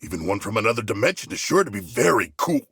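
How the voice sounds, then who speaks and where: A gravelly, forceful shark warrior from a video game. He is erudite, polite and eager, speaking in stilted, grandiose phrases. The pitch swings widely from line to line. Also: very animated, fast, no echo, clean studio sound, full character voice. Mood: measured, dry. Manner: formal, stilted, articulate diction with grandiose turns. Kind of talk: video game character voice lines.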